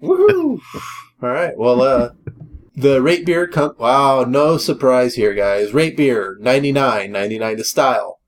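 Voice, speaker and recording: A man's voice: medium pitch, a little slow. A man co-hosting a beer review, chatting casually in a rambling way full of "like" and "you know". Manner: rambling, filler-heavy, animated. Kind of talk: casual chat.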